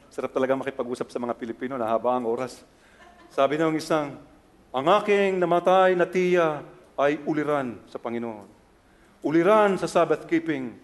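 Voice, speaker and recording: A middle-aged Filipino man with a Filipino accent, preaching a sermon as pastor, animated and swinging between soft asides and loud acted-out quotes. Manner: animated, acts out quotes with sharp jumps in pitch and loudness.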